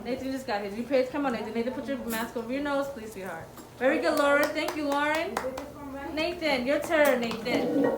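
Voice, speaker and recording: A woman with a high voice talks a little fast as she shows young children how to do a hands-on task, repeating short instructions and praising their efforts. The classroom is reverberant, with background noise and a group of children chattering nearby.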